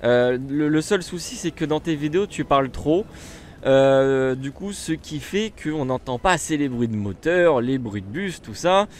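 A man's voice: on the high side, lively intonation, moderate pace, slight background noise. Chatty French-accented man rambling over gameplay. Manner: chatty, rambling, with many fillers and restarts. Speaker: gaming YouTuber. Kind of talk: casual commentary while playing a bus simulator.

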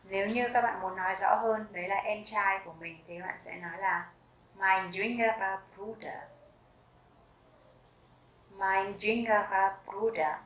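Slow, careful woman teacher, echoey room. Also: mid-range voice, a bit bright. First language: Vietnamese. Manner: slow, careful repetition of each word. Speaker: German language teacher. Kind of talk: vocabulary lesson with slow repetition.

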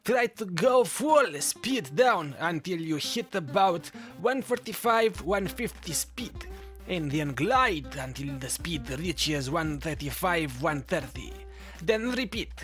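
Background music accompanies a Russian-accented man who narrates a scripted gameplay tutorial, dishing out game tips with playful mock seriousness. He takes his time, speaking in an expressive voice that is on the high side and a bit bright.

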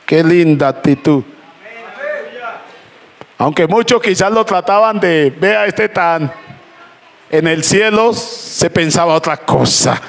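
A man preaching a sermon to a congregation, calling out praises between slow, emphatic phrases. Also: fairly high pitch, animated, creaky. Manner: impassioned preaching with repeated "aleluya" and "gloria a Dios". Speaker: pastor. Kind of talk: Spanish-language sermon. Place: church hall with congregation. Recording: church crowd faintly audible. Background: congregation responding "amén".

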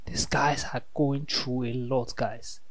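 A man's voice: mid-range voice, flat delivery, slow, no room sound. A man hosting a reaction video who makes earnest comments and repeats his points. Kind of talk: casual reaction chat.

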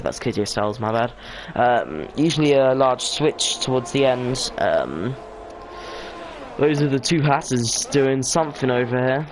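Yawning and weary, this sim racing commentator chats casually through the race in a mid-range voice, hesitating often, saying um a lot, and correcting himself. Slight background noise can be heard.

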